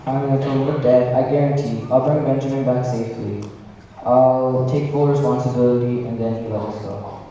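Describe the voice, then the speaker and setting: A man plays a grown son who insists on taking responsibility, in slow and firm words. His tone is very dark and mellow. The sound is distant and ringing in a large hall. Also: mid-range voice, steady tone, lo-fi sound, slight background noise, lightly acted. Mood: pleading. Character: pleading grown son promising his father. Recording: echoey hall, distant mic.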